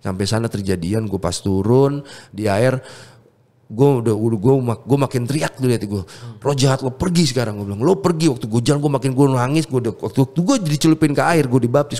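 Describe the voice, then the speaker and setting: A man's voice: medium pitch, warm tone. A man, guesting on a casual chat show as a music producer. His voice sits in a plain middle register. He talks with fervor and animation, and he mixes English words into his slang. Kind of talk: emotional personal testimony in casual chat.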